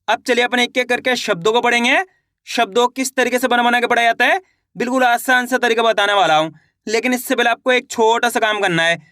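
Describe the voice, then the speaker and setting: Guy teaching reading, really high bright voice, keeps asking and answering his own questions, dry close sound. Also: no echo. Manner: repeats questions and answers them himself. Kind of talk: teaching a Hindi reading lesson.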